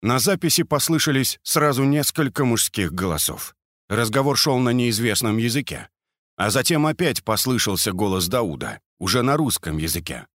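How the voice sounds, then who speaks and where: A man narrating a crime audiobook in a steady, even reading manner. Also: mid-range voice, moderate pace, dry recording, studio quality.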